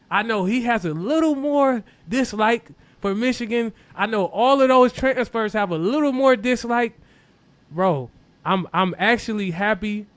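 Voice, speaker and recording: A man's voice: high-pitched, fairly bright tone. A young man co-hosting a sports podcast, emotional and cursing as he rants about a rival team. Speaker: podcast co-host. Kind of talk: casual sports chat.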